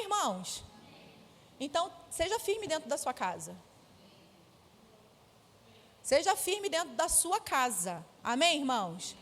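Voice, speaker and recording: A woman's voice: sits high, fairly bright tone, slight background noise. A woman with a Brazilian Portuguese accent, preaching a sermon in a firm, emphatic, conversational way. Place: church sanctuary. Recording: echoey church hall.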